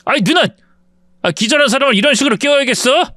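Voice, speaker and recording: Male narrator voices a sneering, whiny young bully, pitched up. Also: fast talker, pushed and bright, dry recording, clean studio sound. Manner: sneering, whining.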